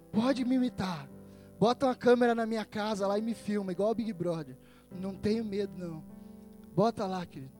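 Preaching in a very high voice, a man with a Brazilian Portuguese accent delivers a sermon as a pastor, alternating forceful, booming stretches with quiet asides.

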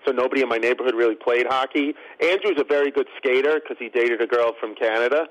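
A man's voice: mid-range voice, quick pace, lo-fi sound. New man chatting in an interview. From Brooklyn, New York. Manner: hesitant, filler-heavy, laughing easily. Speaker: guest actor. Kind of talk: casual interview chat.

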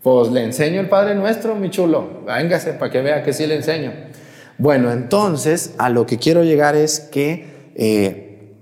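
Lively priest, echoing church. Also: male voice, a little high, a little slow. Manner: lively, questions the congregation, teasing. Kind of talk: sermon during mass.

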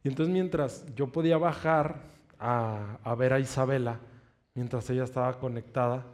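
A man's voice: mid-range voice, normal speed, darkish tone. A man preaching a sermon, telling a personal testimony in an earnest way and stretching out emphatic declarations.

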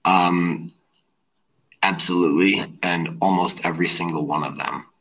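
Very low man's voice, husky, bright, rambling casual chat full of fillers, dull lo-fi call audio. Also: fairly even intonation, moderate pace. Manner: rambling, filler-heavy, laughs easily. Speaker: teacher, podcast guest. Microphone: headphones on an online call.

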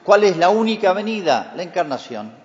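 Priest preaching in long cathedral echo. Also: male voice, high voice, sing-song, normal speed, darkish tone, muffled recording. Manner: didactic, asks and answers his own questions. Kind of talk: Gospel reading and explanatory homily. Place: large reverberant church.

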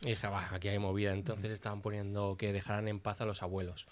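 A man's voice: lowish voice, little pitch movement, fast. A man hosting a casual comic radio talk show, telling anecdotes and acting out the voices of the people in them. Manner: tells anecdotes, acts out quoted voices.

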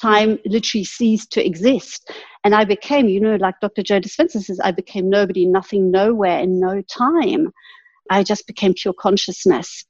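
A woman's voice: medium pitch, normal speed, darkish tone, dry recording. A woman guest in an interview telling a personal story earnestly, often breaking into light laughs. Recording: husky voice, dull lo-fi sound.

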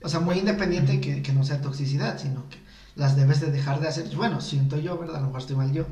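A man's voice: fairly high pitch, fast, dark tone, distant mic. A man with a Mexican accent chatting casually on a podcast, candid and slangy, often laughing. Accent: Mexican Spanish. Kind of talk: casual chat. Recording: echoey room, a bit off-mic.

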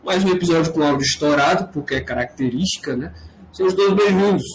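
A man's voice: a little high, fast talker. A man with a Brazilian accent co-hosting a casual live-stream chat. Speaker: podcast co-host. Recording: noisy, overdriven live-stream audio.

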